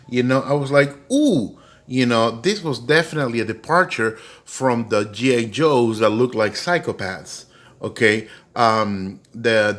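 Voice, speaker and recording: A middle-aged man telling a childhood story at home for his vlog, rambling with many fillers and jumping into a high voice for quoted lines. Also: a bit bright. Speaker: doll collector vlogger.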